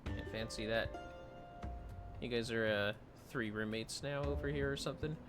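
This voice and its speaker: With music playing behind him, a man of medium pitch and moderate pace livestreams a video game and mutters to himself as he goes. He alternates between casual chat about the game and reading its dialogue out loud.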